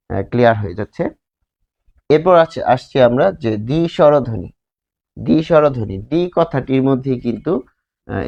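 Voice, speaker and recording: A man teaching a grammar lesson, explaining slowly and repeating words while drawing out their sounds. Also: mid-range voice, a little mellow, highs cut off.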